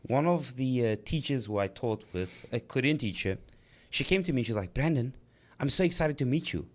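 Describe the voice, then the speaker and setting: A man from Africa, co-hosting a casual podcast chat and telling stories with teasing, animated delivery. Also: mid-range voice, a little fast. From South Africa. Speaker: podcast co-host.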